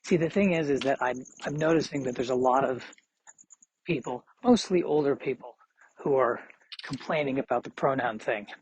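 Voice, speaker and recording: A forty-year-old man talks on his own in a loose, meandering podcast ramble. His voice sits at an ordinary middle pitch, and he pokes fun at himself as he goes. A faint hiss runs under the recording. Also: normal speed, poor audio. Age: 40s. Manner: rambling, self-deprecating, chatty. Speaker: podcast host. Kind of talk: casual solo podcast monologue.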